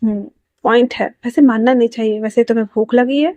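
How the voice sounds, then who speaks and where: A woman voicing a gentle, caring middle-aged father who speaks softly and easily. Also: a little high, fairly even intonation, brisk, no room sound, muffled recording, close to an everyday voice. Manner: soft, easygoing.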